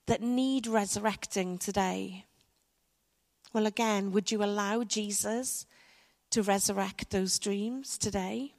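A woman preaching a sermon to her church, reflective and measured, with soft dramatic pauses. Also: mid-range voice. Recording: church hall with long reverb.

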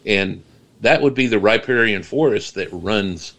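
A middle-aged man, a guest researcher, talking in a casual podcast interview, halting and repeating words, then explaining at length. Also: fairly low pitch, fairly bright tone.

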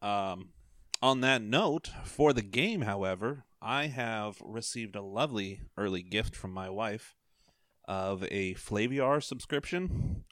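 A man with a somewhat low voice, chatting as a guest on a casual show. He muses aloud in a relaxed way, and the recording is dry and close. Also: slow, no echo. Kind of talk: casual chat.

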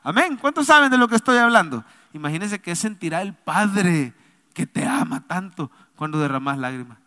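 Male pastor, sermon, very high voice, crisp, long church-hall reverb. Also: animated, moderate pace. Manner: preaching to a congregation, rising and falling from soft to loud.

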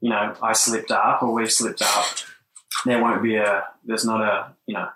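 A man's voice: fairly low pitch, flat delivery, moderate pace, pushed and bright, echoey room, distant mic, slight background noise, rough recording. A man, chatting hesitantly with many fillers and restarts on a podcast. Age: 20s. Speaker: podcast guest. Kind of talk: casual chat.

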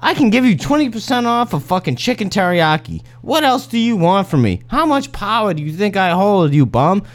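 Guy putting on a snotty restaurant manager, way up high in pitch, jumping all over the place, sneering and sarcastic the whole time. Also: big pitch swings, fairly quick. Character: scornful restaurant manager man, rude and mocking.

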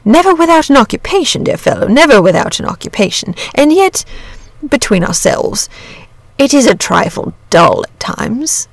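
A woman voicing a lazy, chatty, courteous male dragon who rambles in old-fashioned gentlemanly talk, in a storybook reading. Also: on the high side, sing-song, moderate pace, creaky, no room sound, voice pushed up, heavily acted. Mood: hasty, friendly.

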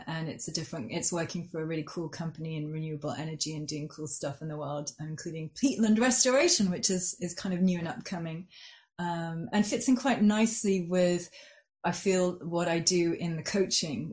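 Over a video call, a Swiss woman who works as a life coach and part-time lawyer answers interview questions conversationally. Her low, slightly mellow voice stays steady at a normal pace as she thinks aloud, often restarting and saying "um."

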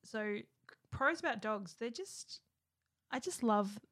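A woman's voice: fairly high pitch, expressive, slow pace, a bit bright. A young woman chatting casually as a podcast co-host, laughing easily. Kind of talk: casual chat.

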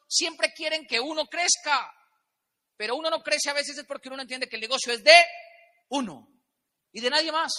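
A man's voice: extremely high pitch, sharp tone. A man giving an emphatic motivational talk on stage, firing rhetorical questions at the audience. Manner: emphatic, rhetorical questions, acts out little dialogues. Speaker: motivational business speaker. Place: large event hall with a live audience. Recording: long hall reverb.

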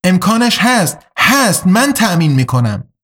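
A man voicing a calm, soft-spoken hacker in an audiobook, speaking quietly and evenly. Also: high voice, voice pushed up, full character voice. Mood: calm, earnest. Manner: quiet, measured, composed. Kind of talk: audiobook character reading.

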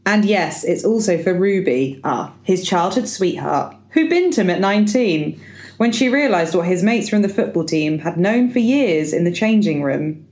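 A woman co-hosting a podcast, reading a birthday speech aloud with laughs and lively emphasis. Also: fairly low pitch, normal speed, echoey room, slight background noise. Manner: animated, laughing reader. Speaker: podcast co-host.

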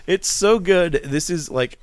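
A man's voice: on the high side, a little slow, clean tone, no room sound. A man co-hosting a casual podcast, talking eagerly and rambling about comics and toys, often laughing. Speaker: podcast co-host, comic shop worker. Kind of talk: casual chat.

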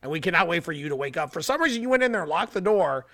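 A man chatting on a podcast, excitedly retelling a shared story and laughing often. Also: fairly high pitch, rapid-fire. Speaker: podcast co-host. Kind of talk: casual chat.

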